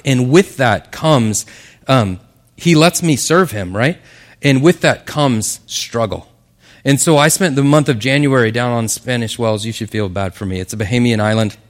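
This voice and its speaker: A man delivering a sermon with his voice in a middle pitch. He preaches earnestly but in a conversational way, checking in with his listeners as he goes. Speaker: pastor.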